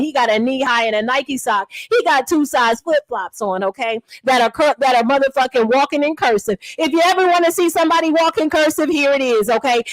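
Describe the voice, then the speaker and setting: Sassy high-voiced woman streamer. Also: no room sound, rough recording. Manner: sassy, mocking, calls viewers honey and baby. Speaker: livestream gossip host. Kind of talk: casual commentary to a live chat.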